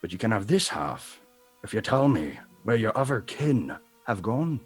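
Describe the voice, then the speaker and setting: A man's voice: fairly low pitch, big pitch swings, normal speed, husky, soft background music. A man playing a tabletop game, casually describing his actions and speaking for his character. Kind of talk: casual in-game role-play.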